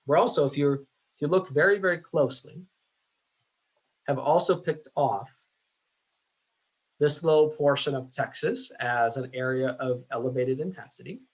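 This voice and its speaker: A man teaching statistics in a casual, self-deprecating way, with many fillers, his voice going hoarse. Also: mid-range voice, moderate pace, long pauses, poor audio. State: losing his voice. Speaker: statistics instructor. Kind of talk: screen-share lecture.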